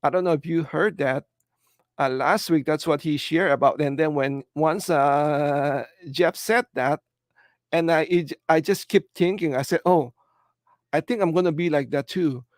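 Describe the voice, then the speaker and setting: Answering comments on his casual livestream, a middle-aged host from the Philippines speaks in Filipino-accented English with a slightly high voice. He's earnest and halting, full of "uh" and "you know." The audio is clean studio sound with no room tone.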